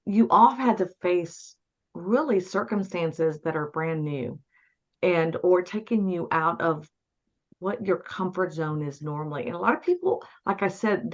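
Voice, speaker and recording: Effusive woman host on dull lo-fi audio. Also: lowish voice. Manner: effusive, emotionally moved. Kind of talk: conversational panel interview.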